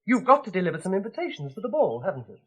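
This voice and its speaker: A man's voice: high voice, big pitch swings, racing, breathy edge, dull audio, full character voice. A young man playing a kind, bored young prince in a storybook recording, wry, playful and well-spoken. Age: young adult.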